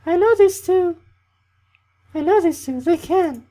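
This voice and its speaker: A man putting on the falsetto voice of a young female camp pioneer who orders others around. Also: measured pace, mellow. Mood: friendly. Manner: falsetto, commanding.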